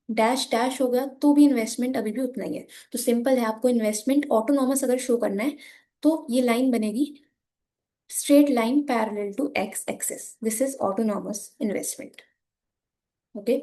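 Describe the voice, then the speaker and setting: A young Indian woman with a hoarse, sore voice, patiently teaching an economics lesson while drawing graphs and speaking softly. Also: on the high side. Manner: patient, repeats "ठीक है" often, switches between Hindi and English.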